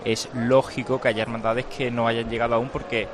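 A man's voice: medium pitch, little pitch movement, normal speed, a crowd in the background. A man commenting live alongside the anchor, filling in background details and explanations. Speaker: studio co-commentator.

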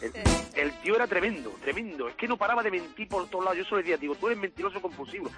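A man calling a radio show, telling an animated story and acting out the dialogue. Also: high voice, rapid-fire, music in the background. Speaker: caller. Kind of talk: telling an anecdote on a call-in show.

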